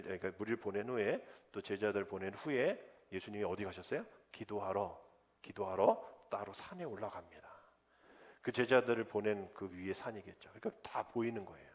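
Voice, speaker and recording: Lowish male pastor preaching in a hall. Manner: lively preaching that acts out quoted voices. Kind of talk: sermon. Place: church sanctuary. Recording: long church hall reverb.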